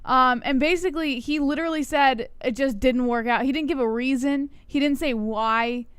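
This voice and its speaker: Clear, higher-voiced woman co-host. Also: moderate pace, a bit bright, no room sound. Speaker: co-host who takes calls. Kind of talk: casual talk show chat.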